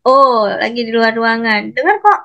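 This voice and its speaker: A woman's voice: on the high side, expressive, a little slow, vocal fry, pushed and bright. A woman lecturer teaching an online class, patiently explaining and calling on students by name. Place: online video call.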